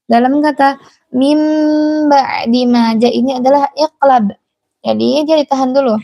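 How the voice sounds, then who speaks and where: A woman teaching Quran recitation in a live class, chanting verses slowly and then explaining patiently, repeating the mistakes to avoid. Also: high-pitched, fairly even intonation, creaky, dark tone.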